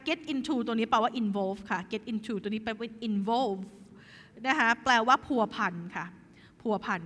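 A woman teaching English to students in a school, chatty and lively, asking the class questions as she goes. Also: fairly high pitch, a little slow. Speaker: English tutor. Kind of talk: classroom tutoring session. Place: school hall. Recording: echoey hall.

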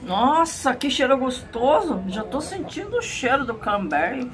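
A woman's voice: sits high, sing-song, unhurried, crowd noise. A middle-aged Brazilian woman presenting a food tasting vlog in a playful, exclamatory way, drawing out her words. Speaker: food review vlogger. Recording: clearly noisy room recording.

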